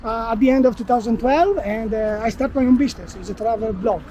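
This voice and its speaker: A man from Italy with an Italian accent, a non-native English speaker, talking as a guest while walking outdoors in a park, often pausing and restarting as he searches for words. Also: very high voice, warm tone, a little hiss or hum. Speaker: guest, expat blogger. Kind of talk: casual interview while walking.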